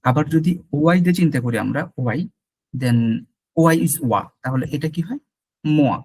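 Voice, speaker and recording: Husky male teacher repeating sounds slowly. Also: a little high, lively intonation, a little mellow. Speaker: French language teacher. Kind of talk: online lesson mixing Bengali and English.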